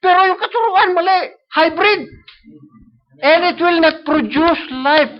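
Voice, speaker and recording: With an extremely high pitch and a measured pace, a man with a Filipino accent preaches to a congregation in a mix of Tagalog and English. He leans on "sabi niya" and frequently asks "no?", all captured in dull, lo-fi live stream audio.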